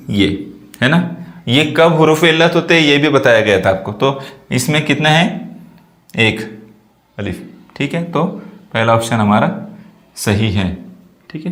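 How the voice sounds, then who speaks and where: A man's voice: mid-range voice, fairly bright tone. Man teaching in an echoey room. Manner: explains step by step, asks and answers his own questions. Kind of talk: screen-recorded exam walkthrough. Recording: roomy echo.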